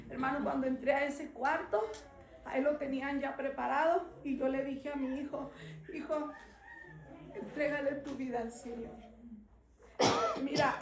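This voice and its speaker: A woman's voice: high-pitched, a little mellow. A middle-aged woman pastor giving an earnest testimony sermon to a gathering in a home, building to fervent, emphatic calls. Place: living room of a full house gathering. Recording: echoey room with faint room noise.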